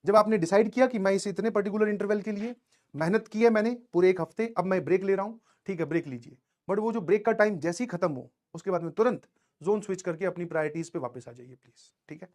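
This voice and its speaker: High-pitched and darkish, this man's voice moves at a quick pace. He's a teacher delivering a motivational talk to students in a conversational style, telling personal stories from when he was a student and regularly checking in to make sure they keep up.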